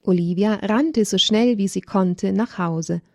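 A woman reading a religious story to children in a gentle storytelling manner. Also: mid-range voice, unhurried, dry recording.

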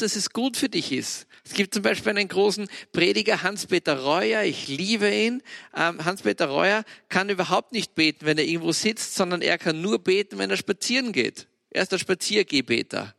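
A man gives a casual devotional podcast talk, telling lively stories and dropping in English exclamations. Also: high-pitched, vocal fry, no room sound, studio quality. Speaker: podcast host.

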